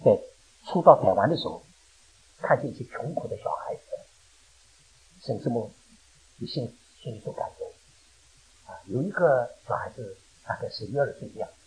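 An older man preaching a sermon with personal testimony. He talks in a husky voice, swinging from loud, emphatic questions down to low, quiet storytelling. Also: moderate pace, pauses often, poor audio. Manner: animated, rising to loud emphatic questions then dropping low.

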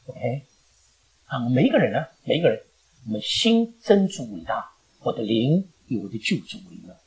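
Lively elderly woman addressing a congregation. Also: a bass voice. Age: older. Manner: animated, rambling, laughs often, slips in English phrases. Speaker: elderly church member giving thanks. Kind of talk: emotional speech to a congregation. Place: church gathering.

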